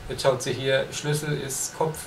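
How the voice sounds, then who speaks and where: A man's voice: medium pitch, flat delivery, moderate pace, vocal fry. A young man co-hosting a horror game let's play, casual and teasing in his commentary. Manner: joking, teasing, bantering. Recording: roomy, distant mic with background noise.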